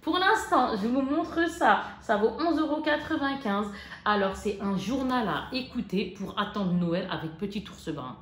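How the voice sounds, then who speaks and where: Casting note: French woman haul vlogger, bouncy pitch, chatty, roomy sound. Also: unhurried. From France. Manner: chatty, excitable, joking asides. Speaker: vlogger showing a shopping haul. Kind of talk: casual chat to camera. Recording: echoey room with faint noise.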